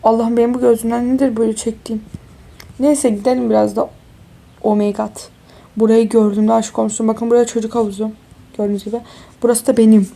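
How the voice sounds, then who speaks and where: A woman's voice: fairly high pitch, little pitch movement, fast talker, creaky, dark tone. A tired young woman chatting casually through a life-sim game, exclaiming and talking to her viewers as friends. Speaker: gaming YouTuber. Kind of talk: casual game walkthrough commentary.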